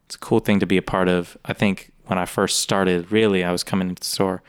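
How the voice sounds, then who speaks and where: A very low, smooth-voiced man chatting on a podcast. He is easygoing and agreeable, and his clear, resonant tone carries well. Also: little pitch movement, fast. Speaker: podcast co-host, music store employee. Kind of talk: casual podcast conversation.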